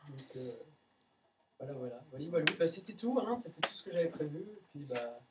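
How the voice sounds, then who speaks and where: A man's voice: on the high side, lively intonation, brisk, recorded from a distance, heavy background noise. A man presenting a blind test on a radio show, playful and chatty, joking about bad songs. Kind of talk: casual radio chat.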